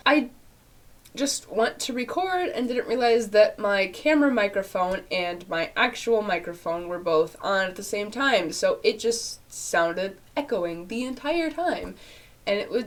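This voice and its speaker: Sitting in a small bedroom at home, a young woman with a medium-pitched voice casually answers viewer questions to her webcam. Illness has left her nasal and congested, and her chatty, rambling talk is sprinkled with fillers and laughs.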